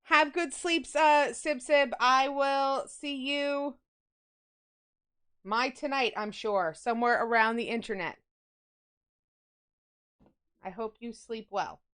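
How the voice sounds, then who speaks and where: Woman, New Yorker with a Long Island accent, high voice, chatty livestream baker, rambling and friendly with chat. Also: takes it slowly, long pauses, fairly bright tone, clean tone. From New York. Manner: chatty, greets viewers by name, rambling asides. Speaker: livestreamer baking on stream. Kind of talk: casual chat while baking.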